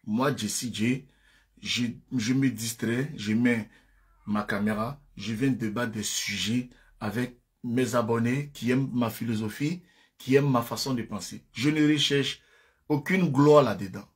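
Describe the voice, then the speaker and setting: A man's voice: unhurried, breathy edge. A man hosting a casual live stream, speaking directly to his viewers, often repeating himself. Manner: taunting, laughing, rising to shrill highs; repetitive, addresses viewers directly. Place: at home, seated. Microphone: phone or webcam.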